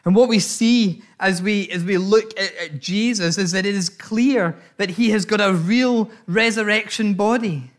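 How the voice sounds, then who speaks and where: A man's voice: high voice, measured pace, few pauses. A man preaching an Easter sermon as pastor, earnest and repeating his phrases, with frequent fillers.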